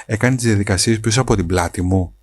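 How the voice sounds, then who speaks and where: A man's voice: on the low side, darkish tone, no echo, close to an everyday voice. A man voicing an ambitious, hot-tempered adult son in a storybook reading, impatient and demanding. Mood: angry. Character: ambitious, greedy adult son, quick to anger.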